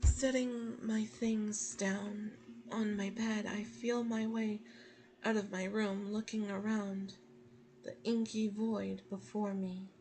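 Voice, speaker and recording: A woman's voice: mid-range voice, level tone, takes it slowly, very noisy. A woman streamer reading a story game aloud with dramatic flair, breaking off for casual asides. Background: game music.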